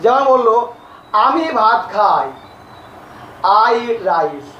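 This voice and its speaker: A male English teacher, teaching grammar to a class slowly, repeating and spelling out each word. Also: high-pitched, very animated, a little hiss or hum. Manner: slow, repeats and spells out words. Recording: echoey, distant, dull lo-fi audio.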